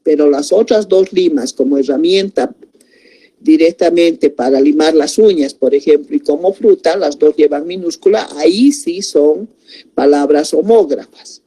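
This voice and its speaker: A woman explains spelling in a slow lesson, repeating words and checking in with tag questions. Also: low voice, dark tone, slightly rough. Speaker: teacher.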